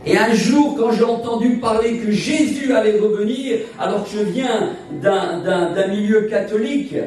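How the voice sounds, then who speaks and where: High-voiced man in his sixties preaching. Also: moderate pace, a little mellow, soft background music. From Portugal. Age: 60s. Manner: emphatic, repetitive, preacherly cadence. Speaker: evangelist preacher. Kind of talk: sermon. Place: church sanctuary. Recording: echoey church from far off.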